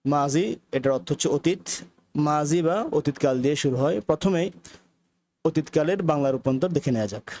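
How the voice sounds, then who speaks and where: A man's voice: a little high, lively intonation, warm tone. Patient male grammar teacher. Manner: patient, repeats words slowly for practice. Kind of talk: video lesson.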